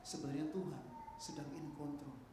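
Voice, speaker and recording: A man preaches to his congregation, rising to loud emphatic peaks and dropping to quiet asides. His voice sits somewhat high and rings through a very echoey church hall over a faint hum of background noise. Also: steady tone, moderate pace. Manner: swings between loud emphatic peaks and quiet asides, mixes English words. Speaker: pastor. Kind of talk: sermon.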